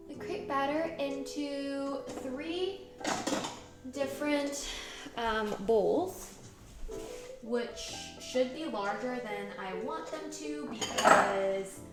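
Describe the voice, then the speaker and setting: A woman chatting playfully to her viewers while she cooks in a kitchen. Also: high voice. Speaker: cooking streamer. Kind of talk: casual cooking chat. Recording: music playing behind.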